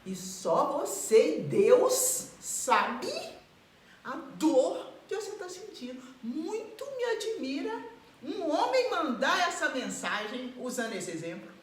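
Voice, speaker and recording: A woman preaching a live sermon in an animated way, acting out the voices of people she describes. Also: high voice, slow. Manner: animated, acts out quoted voices and laughs. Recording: echoey room.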